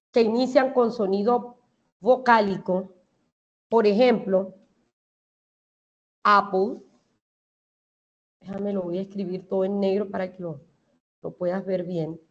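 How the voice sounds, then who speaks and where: A woman with a Colombian Spanish accent teaches English grammar in an online class, explaining each step and checking that her students follow. Her voice sits at medium pitch, and the recording cuts off the highs.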